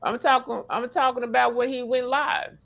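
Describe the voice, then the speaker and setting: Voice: mid-range voice, flat delivery, normal speed, gravelly, fairly bright tone, muffled recording. Playful guest chatting on a live stream, jokes around, says things twice. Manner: playful, joking, repeats himself. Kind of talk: casual live stream chat.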